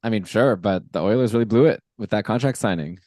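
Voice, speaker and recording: A man's voice: on the low side, quick pace, darkish tone, dry recording, clean studio sound. A man co-hosting a fantasy hockey podcast in casual chat, talking loosely with asides and laughing at himself. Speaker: podcast co-host.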